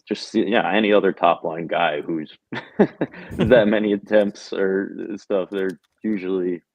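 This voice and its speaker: A man's voice: low-pitched, steady tone, measured pace, creaky, no room sound. A man co-hosting a casual sports betting chat, laid-back and hesitant, with lots of fillers. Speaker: co-host. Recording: dry, dull lo-fi mic.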